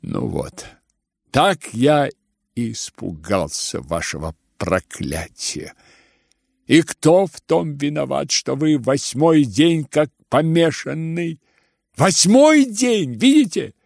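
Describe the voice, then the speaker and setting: A man's voice: mid-range voice, creaky, darkish tone, breathy edge, dry recording, clean studio sound, pitched above the performer's own voice, heavily acted. A man doing a bitter, sneering young son.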